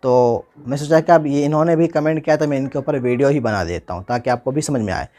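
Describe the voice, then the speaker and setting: A man hosting his own channel, giving an informal spoken lesson, explaining step by step and slowly repeating spelled-out letters. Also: medium pitch, mellow. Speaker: teacher and channel host.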